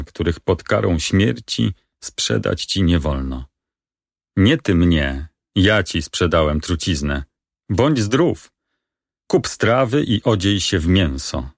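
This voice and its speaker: A man reading the part of a young male lover in grim despair in a stage play, with slow, solemn delivery. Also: sits low, vocal fry, dry recording, clean studio sound, heavily acted. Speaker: reader of a play.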